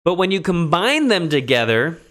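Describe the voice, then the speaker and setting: Animated man lecturing on Greek grammar. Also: a little high. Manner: animated, emphatic teacher with quick asides. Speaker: Greek instructor. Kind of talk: recorded classroom lecture.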